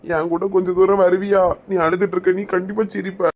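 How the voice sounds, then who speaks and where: Woman playing a young man, Kanyakumari Tamil accent, timid, soft-hearted, gentle coaxing, faint background hum. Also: fairly low pitch, little pitch movement, brisk, pitched below the performer's own voice, lightly acted.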